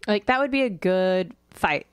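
A woman's voice: fairly low pitch, expressive, clean tone, dry recording, studio quality. A woman co-hosting a casual chat, arguing her picks with strong opinions. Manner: opinionated, quick to argue. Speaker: co-host. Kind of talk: casual chat about fictional matchups.

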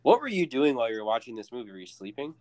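A man co-hosting a casual movie podcast, animated and laughing as he retells scenes. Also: mid-range voice, very fast, dry recording. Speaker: podcast co-host.

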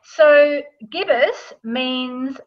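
This guest author's voice is high-pitched and extremely slow as she casually walks through her subject in an interview, pausing to check in with whoever is listening. Her manner is conversational and explanatory, and the sound quality is dull and lo-fi.

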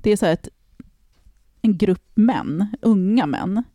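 A woman casually telling a story on a podcast, animated, swearing and acting out the people she quotes. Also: mid-range voice, no room sound.

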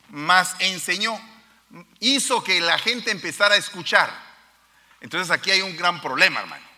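A man's voice: high-pitched, sharp tone, big-room sound. A man preaching a sermon to his congregation, emphatic and speaking straight to his listeners. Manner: emphatic, addresses the congregation directly.

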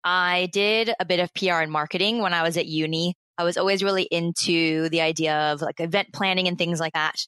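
An American woman in her late thirties talks as a podcast guest, upbeat and chatty, quick to laugh. Her voice sits a little low. The sound is close and dry, with no room around it. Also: steady tone, a bit bright, smooth, dry recording. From United States. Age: late 30s. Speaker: guest, founder of a play consultancy. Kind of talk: casual interview chat.

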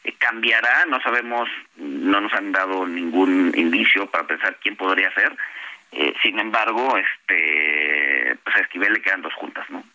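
A man's voice: sits low, measured pace, sharp tone, poor audio. A man with a Mexican accent, a portfolio manager explaining interest rates in a radio interview, often ending points with a questioning tag. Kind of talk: financial interview.

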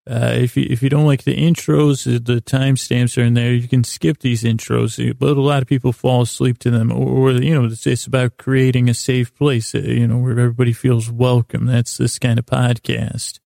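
Speaking at medium pitch in a gravelly, heavily creaky voice, a male podcast host drifts through a sleep-podcast monologue with a flat, narrow intonation. He's halting and self-deprecating, doubling back and frequently losing his thread. The audio is close-miked, dry, and has no echo.

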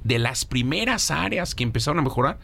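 A man's voice: medium pitch, fairly quick, vocal fry. A man, a guest from a foundation, speaking in an emphatic, engaged way. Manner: emphatic, animated. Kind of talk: casual chat.

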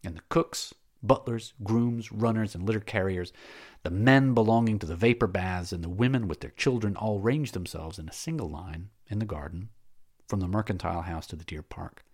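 Deep husky male narrator. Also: moderate pace. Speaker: audiobook narrator. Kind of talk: scripted narration.

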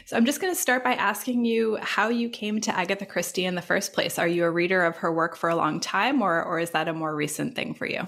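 A woman's voice: on the low side, fast talker, gravelly, hardly any pauses, fairly bright tone. A woman hosting an interview podcast, introducing and questioning her guest.

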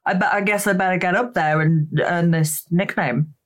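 A podcast host reacts to the guest with short, jokey remarks and casual swearing. The voice sits at a mid-range pitch. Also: steady tone, moderate pace. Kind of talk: casual interview.

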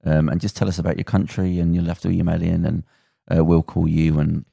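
Give me a very low-pitched man chatting loosely as a podcast host. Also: little pitch movement, a little fast, creaky, mellow, breathy edge, dry recording, studio quality. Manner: loose, laughing, trails off and restarts. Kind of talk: casual chat.

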